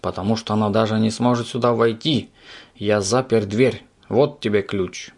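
A man's voice: fairly low pitch, steady tone, moderate pace, darkish tone. A man voicing a cheeky, mischievous little creature who teases and mimics others gleefully. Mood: teasing.

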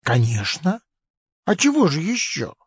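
A man's voice: fairly high pitch, wildly swooping pitch, measured pace, slightly rough, dry recording, heavily acted. An actor playing a smug, greedy male crocodile in a children's audio play, sly and chuckling. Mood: smug teasing. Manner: sly, chuckling, lazy drawl. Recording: slightly dull recording.

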